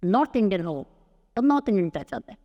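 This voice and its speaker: A man's voice: high voice, very animated, fairly quick, big-room sound, highs cut off. A man from Maharashtra, a spoken English coach, answering podcast questions in an emphatic, persuasive way. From Maharashtra, India. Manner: emphatic, mixes Hindi and English.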